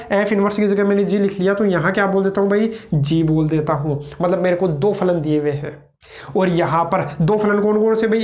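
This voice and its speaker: A male math tutor teaching a lesson, who keeps asking rhetorical questions and answering them himself. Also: high-pitched. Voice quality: repeats his own questions with a drawn-out "bhai". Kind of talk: classroom math lecture. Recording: roomy, slightly dull lo-fi sound.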